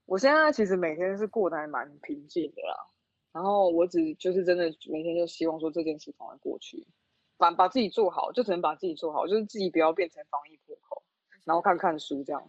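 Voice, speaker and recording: A woman's voice: on the low side, quick pace, no room sound, dull audio. A woman with a Taiwanese accent chatting casually as a podcast co-host, recorded remotely at home on makeshift gear.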